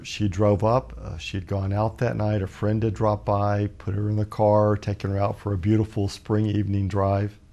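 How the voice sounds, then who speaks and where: Gravelly low-voiced man telling a story. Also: darkish tone. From Birmingham, Alabama, USA. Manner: measured and reflective, with frequent pauses. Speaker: guest author. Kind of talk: personal storytelling in a talk show interview.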